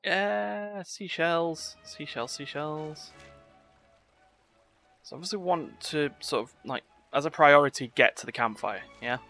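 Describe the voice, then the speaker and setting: Over video game music, a male game streamer gives live commentary packed with playful exclamations and muttered asides. His voice is a little high, bright and forceful, and he keeps a measured pace.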